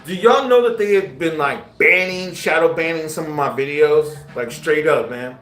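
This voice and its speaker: A man's voice: on the high side, moderate pace, fairly bright tone. A man live-streaming casual commentary, talking in slang straight to his viewers. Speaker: livestreamer. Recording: roomy echo with faint music.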